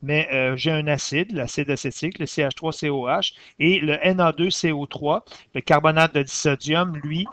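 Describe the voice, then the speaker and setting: A man's voice: a little high, steady tone, a bit bright, dry recording. A man with a Quebec French accent, a science teacher walking through exercise corrections step by step and stopping to fix his own slips. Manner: methodical, explains step by step, pauses to correct himself.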